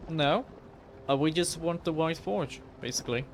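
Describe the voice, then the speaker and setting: A man's voice: fairly high pitch, normal speed, a little hiss or hum. A man hosting a casual video game playthrough, reading game text aloud with offhand, wry asides. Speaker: gaming host.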